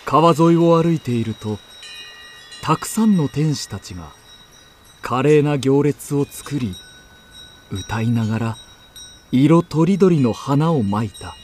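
An actor voices an earnest poet-pilgrim, narrating his journey deliberately in first person for a radio drama. His mid-range voice is natural and animated, with a little hiss or hum in the recording.

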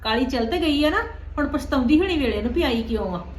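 A woman's voice: high-pitched, animated, fast, a little hiss or hum. A middle-aged woman playing a scornful, bossy mother who scolds and sneers in a home drama. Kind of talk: web drama acting. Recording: echoey room.

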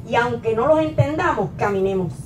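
A middle-aged woman pastor preaching a sermon at a pulpit into a handheld mic, rising to emphatic peaks and then dropping low. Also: expressive, fairly quick, a little mellow, a little hiss or hum. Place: small church hall, at a wooden pulpit. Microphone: handheld mic, filmed from a distant camera. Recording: echoey church hall from far off.

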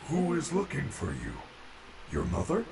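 An actor playing a gentle, caring robot mascot bear in a video game, speaking in calm, formal, kindly robotic phrases. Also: male voice, a little high, moderate pace, vocal fry, background noise, exaggerated voice. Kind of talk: video game character dialogue.

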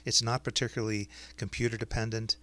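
A man delivers scripted explainer narration in a fairly low but bright, clear-cut voice. He presents like a software demonstrator, recorded very dry. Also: little pitch movement, quick pace, no room sound.

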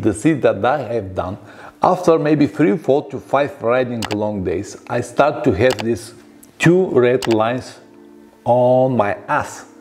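This Bulgarian-accented motorcycle travel vlogger, a man in his 40s with a mid-pitched voice, tells stories casually to camera from his indoor home garage workshop. Recorded on a lapel mic, he's animated, gestures a lot and chats away with non-native grammar.

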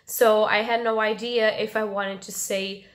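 A young woman with a stuffed, nasal voice and little voice left, chatting casually in a book review vlog and pausing to breathe. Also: mid-range voice, little pitch movement. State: stuffed nose, losing her voice. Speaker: book vlogger.

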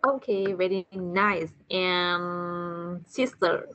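A woman with a Vietnamese accent teaching English to a child in an online class, slowly repeating words for the child to copy. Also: fairly low pitch, flat delivery, bright, forceful tone. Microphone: video call. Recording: dull lo-fi call audio.

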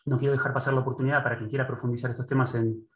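Middle-aged man from Argentina, measured lecturer, dull lo-fi sound in a roomy space. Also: mid-range voice, little pitch movement. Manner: measured, thoughtful, with many restarts and filler sounds. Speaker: guest speaker. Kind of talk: lecture presentation. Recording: dull echoey room.

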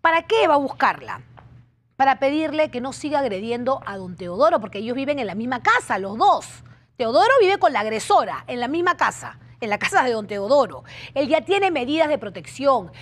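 A woman's voice: high voice, big pitch swings, brisk. A woman hosting a television talk show, speaking emphatically and repeating key phrases for dramatic weight. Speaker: TV show host.

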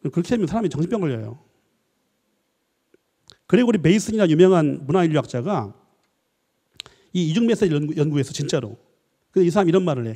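A man, a professor, giving a lively, jokey church lecture and often asking his listeners questions, heard in an echoey hall. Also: fairly high pitch, slightly rough. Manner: animated, jokey, asks the audience questions. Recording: echoey hall with long reverb.

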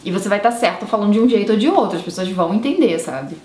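A woman's voice: mid-range voice, lively intonation, fast, darkish tone. A young Brazilian woman in her twenties with a Brazilian Portuguese accent, hosting a casual English lesson in a chatty, reassuring way. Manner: chatty, reassuring, with tag questions. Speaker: English teacher and video host. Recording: roomy echo.

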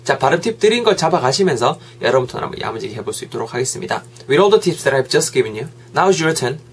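A man giving a casual English lesson, drawing out the example sentences slowly and checking in with listeners often. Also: medium pitch, very animated, a little hiss or hum. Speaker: English teacher.

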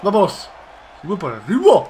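A young man from Spain with a Spanish accent, giving loud, excited commentary on his own gameplay, shouting and swearing at his opponent. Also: high-pitched, moderate pace, some chatter behind. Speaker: gaming YouTuber.

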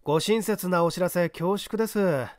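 A man voicing a brisk young newspaper reporter who talks curtly and impatiently on the phone. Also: sits high, darkish tone, no echo, studio quality, voice pushed up, close to an everyday voice. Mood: feigned courtesy. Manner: curt, impatient, then deliberately slow. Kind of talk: audiobook character voice.

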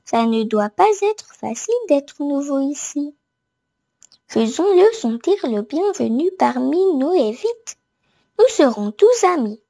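A woman voicing a kindly, wise male owl in a gentle storybook reading for a toddler. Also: sits high, very animated, slow, vocal fry, dry recording, clean studio sound, heavily acted.

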